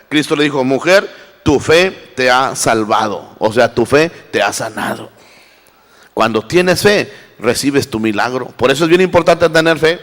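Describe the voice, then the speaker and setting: A man preaching a sermon as pastor, swinging between loud cries and hushed lines. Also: mid-range voice. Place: church hall. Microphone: handheld microphone. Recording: live church recording with long reverb.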